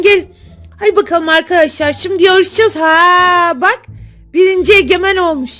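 Woman game-video host, very high voice, chatty and excitable, soft game music behind. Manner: excitable, chatty, often calling out to viewers. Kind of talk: casual game commentary.

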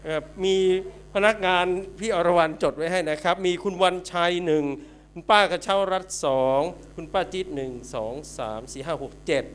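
A man emceeing a guessing game at a celebration, excited and exclaiming as he coaxes the crowd. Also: sits high, moderate pace, clear, resonant tone. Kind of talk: lively event hosting.

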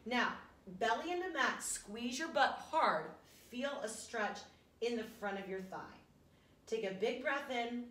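Her voice a little high, animated and a bit bright, a woman in her thirties talks through a relaxed stretching workout at an unhurried pace. She's chatty and encouraging, recorded in her living room by a camera several meters away, giving a roomy, distant sound with faint room noise.

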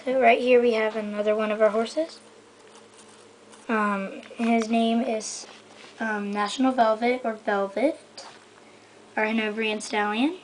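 This fairly high, steady-toned voice belongs to a young female vlogger touring her toy horse stable in a rambling, casual show-and-tell. She keeps a measured pace, pauses often, and fills gaps with "um" and "so yeah." Filmed on a bedroom floor with a handheld camera mic, the low-quality audio has slight background noise.

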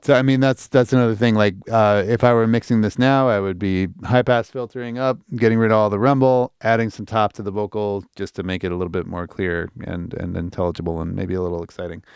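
A middle-aged man hosting a live stream, giving casual, animated feedback and thinking aloud as he chats to viewers. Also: lowish voice, fast, hardly any pauses, clear, resonant tone, no echo, clean studio sound.

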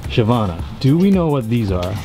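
Lively male host over loud music. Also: medium pitch, moderate pace. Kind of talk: casual hosting and banter. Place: open-plan office. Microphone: camera mic. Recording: music over office camera audio.

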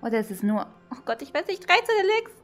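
A woman, vlogging her VR tour in excited, gushing commentary to her viewers. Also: sits high, fast, soft background music. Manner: gushing, exclaiming, talking to viewers. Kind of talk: excited casual vlog commentary. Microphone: VR headset mic.

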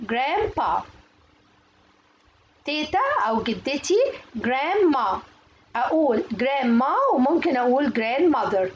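A woman with an Egyptian Arabic accent teaching a children's English lesson, repeating words slowly and stretching them out. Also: sits high. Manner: slow, drawn-out repetition of English words. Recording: echoey room, slightly dull sound, faint noise.

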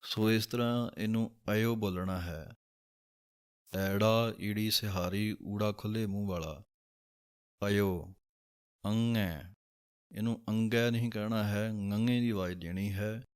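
A man teaching the pronunciation of scripture, explaining calmly and reciting lines slowly. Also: lowish voice, clear, resonant tone. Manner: calm, measured, drawing out recited verses.

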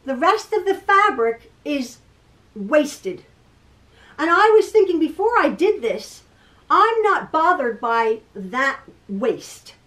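A middle-aged woman with a high voice talks through a quilting tutorial in her home sewing room. She rambles and thinks aloud, restarting and correcting herself. Her voice is picked up a little away from the camera. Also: sing-song, slow pace, fairly bright tone. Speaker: quilting teacher. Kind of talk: casual tutorial talk. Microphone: camera across a table, from a distance. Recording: voice a little far from the mic.

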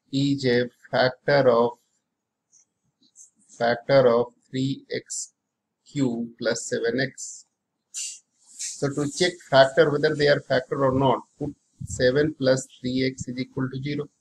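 Middle-aged male teacher, Indian accent, gravelly edge, talks through working step by step with repeated phrases, light noise behind. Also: mid-range voice, low-quality recording. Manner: repeats phrases and poses questions to himself. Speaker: maths teacher. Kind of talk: lesson, working through problems aloud.

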